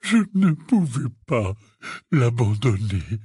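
A man's voice: mid-range voice, takes it slowly, darkish tone, no room sound, clean studio sound. A man voicing a huge, anxious, tender-hearted half-giant in an audiobook, stammering and pleading. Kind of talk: audiobook character reading.

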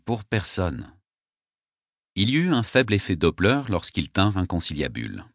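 Deep-voiced man narrating a novel. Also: huge pitch swings, brisk, fairly bright tone, no echo, studio quality. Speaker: audiobook narrator. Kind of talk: first-person novel narration.

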